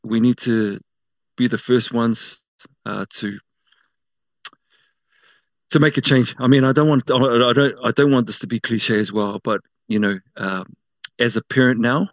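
A man's voice: medium pitch, unhurried, pauses often, no room sound, muffled recording. A man with a New Zealand accent and a mid-range voice, recorded dry. He tells personal stories informally, stopping and rephrasing as he goes. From South Auckland, New Zealand. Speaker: interview guest working in media. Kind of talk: casual personal storytelling.

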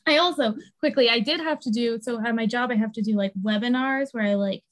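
A young woman from the East Coast chatting as a podcast co-host, quick and giggly, laughing at her own jokes. Her voice sits a little high. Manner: fast-talking, giggly, self-mocking. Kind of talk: casual chat.

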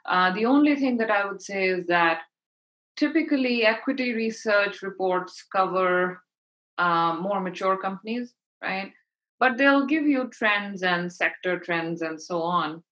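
A woman's voice: mid-range voice, measured pace, a bit bright, low-quality recording. Woman guest expert explaining with emphasis. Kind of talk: conversational interview advice.

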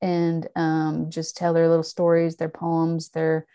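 Woman, dark mellow tone, even pitch, casual interview host. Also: a little slow, clear, resonant tone. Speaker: podcast host.

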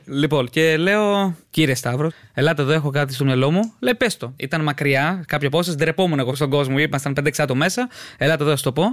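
A man hosting a podcast speaks in a light, teasing tone, his voice a little high. The recording is close and dry, picked up by a close studio mic. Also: dry recording. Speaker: podcast host. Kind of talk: casual podcast chat.

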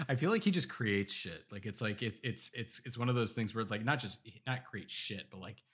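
A man's voice: lowish voice, lively intonation, normal speed, fairly bright tone, breathy edge. A man co-hosting a podcast, rambling in casual chat with lots of fillers.

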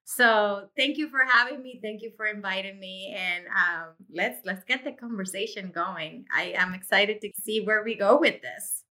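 In a conversational interview about her career, a Puerto Rican insurance agency owner in middle age talks expressively and effusively. Her medium-pitched voice is bright and forceful, moving at a moderate pace with hardly any pauses.

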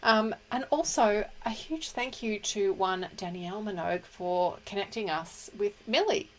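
A woman's voice: mid-range voice, unhurried. A woman co-hosting a podcast in casual chat, gushing and chatty. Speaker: podcast co-host.

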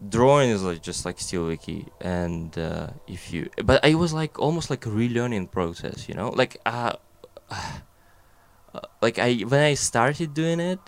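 Very animated and a little slow, a young man with a Russian accent speaks in a medium-pitched voice with vocal fry. As an animator guest in casual conversation, he rambles with many fillers and self-deprecating jokes.

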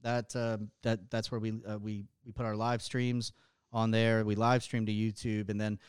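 A man, a pastor, chatting casually in a halting way, stumbling over words after recent dental work. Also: on the low side, flat delivery, clean tone, dry recording, studio quality. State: speech slightly impaired by recent dental work. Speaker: pastor and podcast co-host. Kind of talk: casual chat.

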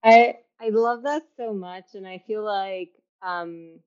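A woman's voice: medium pitch, slow pace, a little mellow. A young woman from Turkey hosting an interview over a video call, chatty and full of restarts. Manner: chatty, many restarts and fillers, laughs often. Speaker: podcast host. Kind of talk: casual interview chat. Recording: slightly dull, lo-fi sound.

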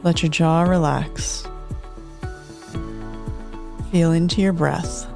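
Woman gently guiding relaxation over music. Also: low-pitched, gravelly. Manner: calm, gentle, unhurried delivery. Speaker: podcast host. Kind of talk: slow, soothing guided relaxation outro.

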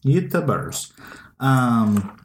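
A woman with a very deep voice chats playfully with her co-host, leaning close to the mic. She is in an echoey room with a faint hiss behind her. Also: expressive, very slow. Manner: playful, leans into the mic for mouth sounds. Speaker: podcast co-host. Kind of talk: casual chat.

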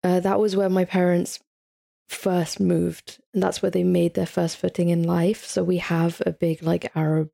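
With a lowish, mellow voice full of vocal fry, an English woman in her early twenties shares stories informally on a podcast, keeping a flat delivery at a moderate pace. She has a British accent, was partly raised in Italy and Saudi Arabia, and is chatty, saying "like" often.

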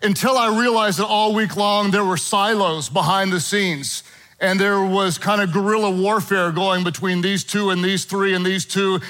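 Middle-aged male pastor, bright and ringing, high for a man; animated, humorous sermon storyteller. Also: moderate pace, rough recording. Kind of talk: sermon to a live and online congregation. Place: church auditorium with congregation.

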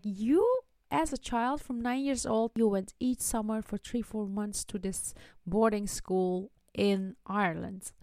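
A woman hosting an interview show, speaking in a measured, deliberate way. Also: medium pitch. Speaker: podcast host. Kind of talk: interview and scripted intro.

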